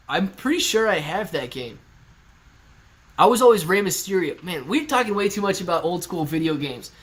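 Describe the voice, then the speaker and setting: A man in his thirties hosts a casual live stream from his living room, reading viewer chat aloud in a laid-back, chatty way and laughing often. His voice is fairly high and a bit bright. He's a stock livestream host, picked up by a laptop set at eye level on a kitchen stool.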